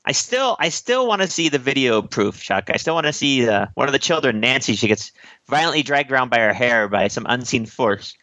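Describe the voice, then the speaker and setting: A man's voice: mid-range voice, sing-song, brisk, pushed and bright, no room sound, rough recording. A man co-hosting a movie discussion, joking casually with a wry manner. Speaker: co-host of a comedic movie discussion show.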